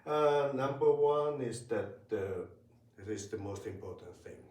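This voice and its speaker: A man teaching Japanese in a casual spoken lesson, talking slowly and hesitantly with many fillers. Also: mid-range voice, lively intonation, darkish tone. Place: room in Tokyo. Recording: roomy, from a distance.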